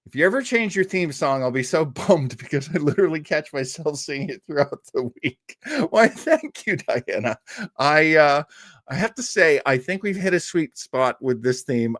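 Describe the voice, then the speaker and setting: Clean studio sound with no echo carries a slightly bright, medium-pitched voice. It's a middle-aged man hosting a live show devoted to old-time radio, bantering with viewers in a playful, easygoing way.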